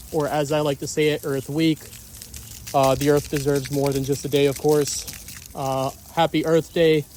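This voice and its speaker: A man's voice: a little high, darkish tone, a little hiss or hum. A man filming a casual garden vlog outdoors, talking with enthusiasm and repeating words of praise. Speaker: vlogger.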